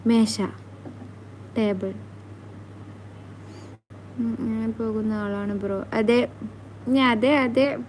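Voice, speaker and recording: A woman chatting casually on a live stream, reading out comments and teasing her viewers in a playful, quick back-and-forth. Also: a little high, steady tone, a little mellow, slight background noise.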